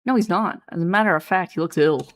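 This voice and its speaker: A woman's voice: on the low side, quick pace, close to an everyday voice. A woman reading the lines of a blunt, pushy male investigator with a Brooklyn accent. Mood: stern.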